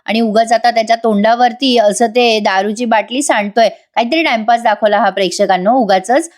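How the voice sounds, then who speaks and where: Talking straight to her audience, this young TV serial reviewer chats through an episode review in voice-over. Her voice is fairly high, a little mellow, and slightly fast.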